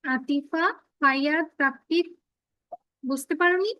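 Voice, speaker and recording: A young woman teaching an online class, explaining in Bengali, reading English definitions out very slowly and calling on students to check that they understand. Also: high voice, sharp tone, dull audio.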